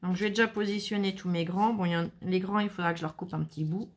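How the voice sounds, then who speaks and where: A woman's voice: on the low side, fairly even intonation, fast. A woman hosting a casual crafting tutorial, chatting to viewers with many fillers and asides while she works. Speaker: craft channel host.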